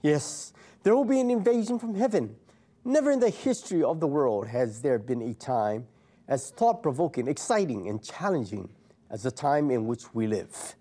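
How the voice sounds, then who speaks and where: A man preaching a scripted sermon as head pastor in a measured, formal way. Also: medium pitch, expressive, mellow.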